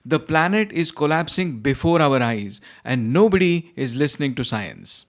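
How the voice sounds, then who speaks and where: A man playing a despairing, guilt-ridden older scientist and grandfather in an animated short, earnest and emphatic. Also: medium pitch, moderate pace, natural voice. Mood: alarmed. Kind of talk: animated short film dialogue.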